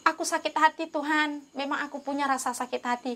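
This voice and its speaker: High-voiced woman, pleading testimony. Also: steady tone, fairly quick, bright, forceful tone. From North Sumatra, Indonesia. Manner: earnest, pleading, acts out her prayers and dialogue. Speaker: interviewee giving a conversion testimony. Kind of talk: emotional personal testimony.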